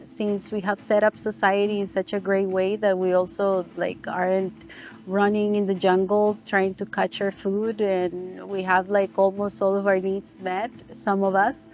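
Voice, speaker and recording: Brief: young woman from Costa Rica, guest in an interview, unhurried and reflective, even pitch, faint music behind. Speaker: guest, ceremonialist and sound therapist. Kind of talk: interview answers.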